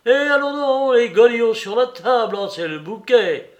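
A man's voice: a little high, animated, unhurried, fairly bright tone, lo-fi sound. A man voicing an insolent, mocking young male clerk in an audiobook, talking in a needling, sarcastic way. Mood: scolding.

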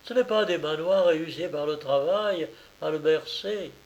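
A man's voice: fairly high pitch, normal speed, pitched above the performer's own voice, lightly acted. A man reading aloud as a poor peasant mother, tearful, pleading and indignant. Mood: bitter. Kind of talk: audiobook character reading.

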